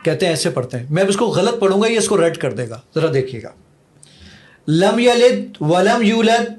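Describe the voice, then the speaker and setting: A man's voice: a little high, sing-song, a little hiss or hum. A man eagerly demonstrating his own app in a podcast conversation, counting seconds aloud. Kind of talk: podcast conversation, product demo.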